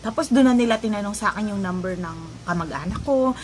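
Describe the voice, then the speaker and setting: A woman vlogger telling a personal story in a casual, animated way, often laughing and joking along the way. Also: mid-range voice, fairly quick. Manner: animated, laughs at her own story, jokes. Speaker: vlogger recounting a personal ordeal. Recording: noisy ambience behind voice.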